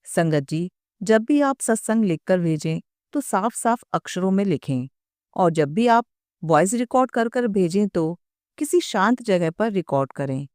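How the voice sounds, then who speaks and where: A woman host giving a calm, polite closing announcement for a devotional channel. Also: medium pitch, measured pace, no echo, clean studio sound.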